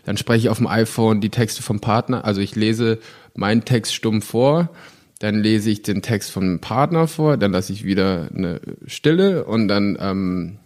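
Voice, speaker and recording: A man's voice: fairly low pitch, unhurried, a little mellow. A man in his twenties, an actor, talking casually in an interview, rambling with many fillers and restarts. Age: 20s.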